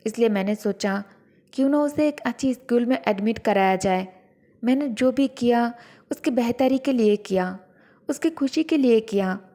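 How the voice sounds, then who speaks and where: A woman voicing a scheming young wife who feigns innocence and pleads softly in her own defense. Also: fairly high pitch, normal speed, lightly acted. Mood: justifying.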